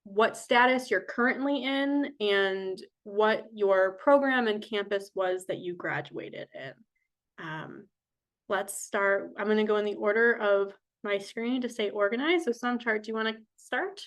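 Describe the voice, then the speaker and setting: A woman moderating a career panel over a video call. She is friendly and organized, with lots of ums as she hands the floor to each guest. Her pitch sits in a mid range. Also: a little slow.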